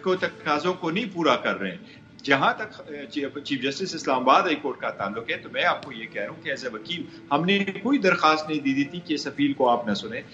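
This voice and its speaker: A man's voice: a little high, lively intonation, sharp tone, reverberant, highs cut off, soft background music. A male lawyer arguing as a guest on a live TV debate, insistent and repeating phrases as he makes his point.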